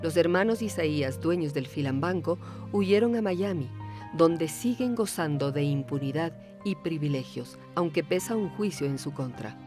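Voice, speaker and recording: A woman reading scripted documentary narration in a measured, even way. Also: low-pitched, music in the background. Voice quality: measured, even delivery of figures and facts.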